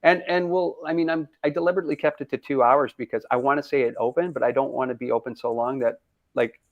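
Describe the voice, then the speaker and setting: A brewery founder chatting casually in an interview, upbeat and rambling, laughing often, over a video call. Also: male voice, mid-range voice, steady tone, fast talker, no echo. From Canada. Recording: dull lo-fi video call audio.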